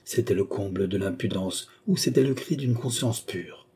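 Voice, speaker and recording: A man narrating a classic novel as an audiobook in a measured storytelling manner. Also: fairly low pitch, mellow, breathy edge.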